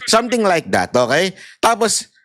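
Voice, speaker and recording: A man's voice: sits high, wildly swooping pitch, a little slow, a bit bright, no room sound, clean studio sound. A man in impassioned political commentary, ranting and mocking, with laughs and acted-out voices. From Philippines.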